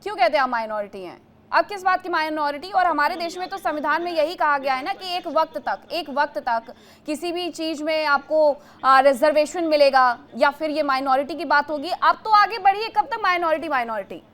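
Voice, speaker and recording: A woman with a high, bright-toned voice anchoring a televised debate. She speaks firmly, presses her questions and urges the guests to calm down. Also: fairly quick. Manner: firm, calming, questioning. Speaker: news anchor. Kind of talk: moderating a TV debate.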